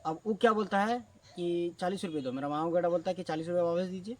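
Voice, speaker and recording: A man telling a comic story in a casual, animated way, swinging between loud and hushed. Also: high-pitched, fast. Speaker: storyteller, channel host. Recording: distant mic with faint background noise.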